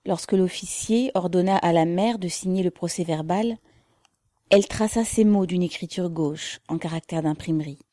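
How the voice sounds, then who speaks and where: Woman reading a novel, slow and dark toned, super dry close mic. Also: fairly low pitch, no echo. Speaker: narrator. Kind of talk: audiobook reading of a classic novel.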